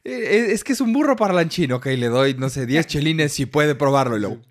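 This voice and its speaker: A man's voice: on the high side, moderate pace. A man with a Mexican accent co-hosting a podcast in casual, slangy chat. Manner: animated, slangy, quotes lines in funny voices. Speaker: podcast co-host.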